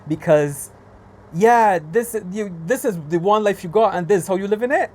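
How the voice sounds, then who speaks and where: This Barbadian man, speaking with a Barbadian accent, vents on his vlog in a high, darkish voice at normal speed, with a little hiss or hum in the audio. His casual rant is exasperated and emphatic, and he keeps repeating himself.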